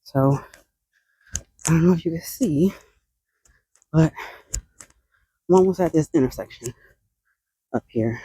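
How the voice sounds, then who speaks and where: A woman vlogs casually into her phone, her voice low and steady. She laughs often and sighs between her thoughts, and she is a little out of breath from walking. The sound is dry and close, with no room echo. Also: takes it slowly, pauses often, slightly rough. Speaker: vlogger. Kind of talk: casual chat. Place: outdoors on a roadside sidewalk.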